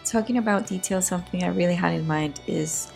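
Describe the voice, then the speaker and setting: Woman, low gravelly and raspy voice, informal game-build narrator who rewords as she goes. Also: a little fast, darkish tone. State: raspy voice today. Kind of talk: casual voice-over commentary on a game build. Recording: music behind the voice. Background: background music.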